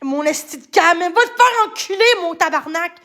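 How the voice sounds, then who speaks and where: Shouting Québécois woman, very high voice. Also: animated, moderate pace. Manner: ranting, heavy swearing, frequent shouting. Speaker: livestreamer. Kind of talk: angry livestream rant.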